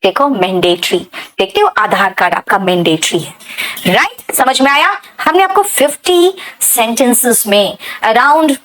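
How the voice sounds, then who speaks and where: A woman with an Indian accent teaching English in a live online class, often checking with her students and saying example sentences slowly. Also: fairly high pitch, animated, fairly bright tone, slight background noise, poor audio. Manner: addresses students as beta, checks with "right?" often.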